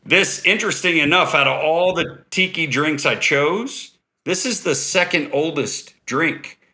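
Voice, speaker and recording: Man, podcast host, bartender, bright voice, casual rambling chat. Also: a little high, unhurried. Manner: explains history in a relaxed, rambling way.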